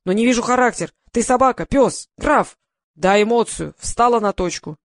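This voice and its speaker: An audiobook reader voicing an impatient male film director who barks orders at the cast. The lines are loud, clipped commands. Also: mid-range voice, normal speed, no room sound, studio quality, natural voice. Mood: demanding.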